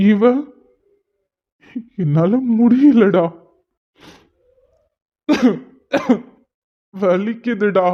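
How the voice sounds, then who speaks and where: மனம் உடைந்த, அழுதுகொண்டே மெதுவாகக் கெஞ்சிப் பேசும் இளைஞனாக நடிக்கும் ஒருவர்; கார்ட்டூன் நாடகக் குரல். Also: male voice, sits high. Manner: tearful, pleading, slow broken speech. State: crying. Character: heartbroken young man, lovesick, weeping. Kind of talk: cartoon drama voice acting. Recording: dull lo-fi sound.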